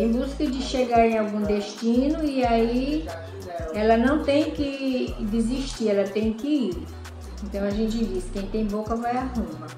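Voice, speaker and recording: A woman slowly explaining common sayings and words as a student presenter. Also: medium pitch. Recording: roomy echo over loud music.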